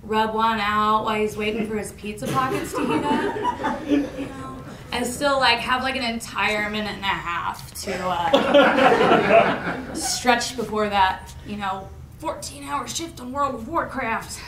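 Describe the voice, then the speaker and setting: A young stand-up comedian from Indiana, US, performs a set on a college lecture hall stage, delivering deadpan, self-mocking jokes and laughing at her own material. Her voice is a little high and a little slow. A far camera in the room captures the echoey hall, and room noise is audible.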